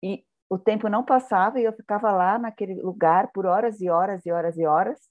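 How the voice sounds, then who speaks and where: A Brazilian woman co-hosting a podcast, talking in slow, reflective casual chat with joking asides. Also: mid-range voice, narrow, tinny audio. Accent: Brazilian Portuguese. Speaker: podcast co-host.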